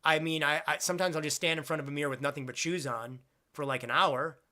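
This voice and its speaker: Man, 20s, live-stream chat host, bright tone, slightly high voice, rambling, self-deprecating humor. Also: fairly even intonation, quick pace.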